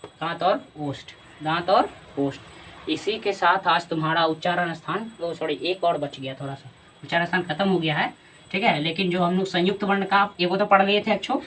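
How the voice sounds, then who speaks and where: A man's voice: sits high, steady tone, a little fast, fairly bright tone, recorded from a distance, slight background noise. A male teacher with a Bihari Hindi accent giving a grammar lesson, often repeating key answers as questions to his students.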